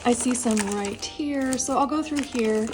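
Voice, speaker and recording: A woman's voice: high-pitched, noisy background. A young woman with a Minnesotan accent chatting casually in a crafting vlog, bubbly and talkative, rattling off lists of ideas. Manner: bubbly, chatty, lists items in quick succession. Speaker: lifestyle vlogger.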